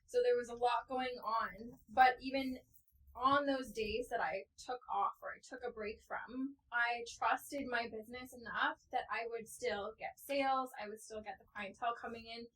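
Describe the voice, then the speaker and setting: A woman's voice: a little high, steady tone, normal speed, fairly bright tone, low-quality recording. A woman co-hosting a podcast, talking openly and emotionally, tearful as she speaks. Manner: open, emotional, talks through tears. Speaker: podcast co-host. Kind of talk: casual chat.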